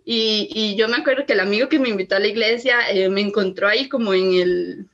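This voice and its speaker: A woman's voice: mid-range voice, a little fast, fairly bright tone, dull audio. Earnest young Costa Rican woman. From Costa Rica. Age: 20s. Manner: earnest, tags many sentences with "¿verdad?". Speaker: podcast guest. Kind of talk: personal faith testimony.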